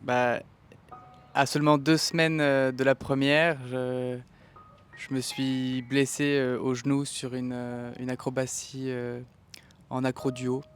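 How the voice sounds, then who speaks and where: A young man speaking slowly and haltingly in a subdued interview. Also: medium pitch, little pitch movement, faint music behind. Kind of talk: interview testimony.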